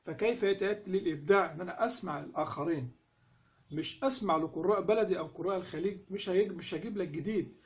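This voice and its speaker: A man with an Egyptian accent gives an informal lesson. His voice sits high, and he talks at a rapid clip. He keeps the talk moving with rhetorical questions. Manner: animated, asks rhetorical questions. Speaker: instructor on Quran recitation. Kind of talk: casual spoken lesson.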